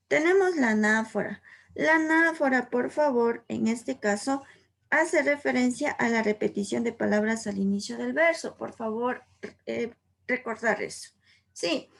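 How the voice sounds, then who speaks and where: Woman teacher, higher voice with a gravelly edge, patient and repetitive, keeps checking in with the class. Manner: repeats "por favor" and "¿sí?", explains slowly with examples. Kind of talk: online lesson on literary figures.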